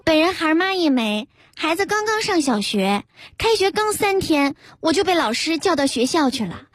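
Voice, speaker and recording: A woman's voice: very high-pitched, big pitch swings, normal speed, dry recording, studio quality. A woman radio host, telling comic stories in the first person over background music. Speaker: radio host reading jokes. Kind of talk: scripted comic storytelling. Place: radio studio.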